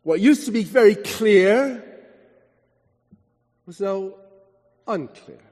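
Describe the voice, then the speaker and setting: A man preaching a sermon as dramatic storytelling, swinging between emphatic lines and hushed asides. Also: high voice, expressive, slow, in a large hall.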